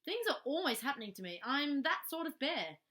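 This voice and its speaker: Woman voicing a polite, high-pitched young bear. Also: big pitch swings, brisk, bright, forceful tone, heavily acted. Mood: earnest. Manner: hesitant, well-mannered. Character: polite, earnest, anxious young male bear. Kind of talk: children's storybook character reading.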